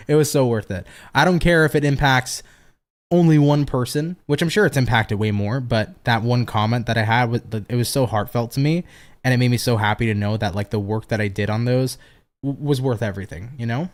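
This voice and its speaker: A tired man hosts a casual tarot livestream, chatty and profane, laughing often as he answers viewer comments. His medium-pitched voice moves briskly.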